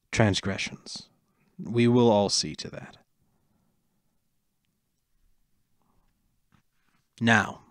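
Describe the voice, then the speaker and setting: Man playing a soft, slow, formal elf. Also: on the low side, dry recording, studio quality. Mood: grave, measured. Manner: slightly camp, formal, deliberate. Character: gentle, earnest male elf orchard keeper, formal and measured. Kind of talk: tabletop role-play.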